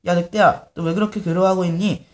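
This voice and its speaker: A man's voice: sits high, steady tone, fast talker, close to an everyday voice. A man voicing an eager, friendly male donkey in a storybook reading.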